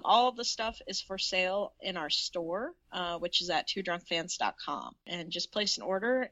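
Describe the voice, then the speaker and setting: A woman co-hosting a casual sports podcast, chatty and relaxed, swearing now and then. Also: medium pitch, dry recording, dull audio. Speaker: podcast co-host. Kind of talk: casual chat.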